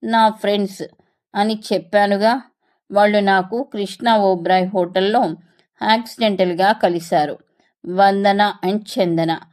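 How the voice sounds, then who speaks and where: A woman's voice: mid-range voice, darkish tone, close to an everyday voice. A woman voicing an affectionate young wife in a story reading, sweet-talking and pleading.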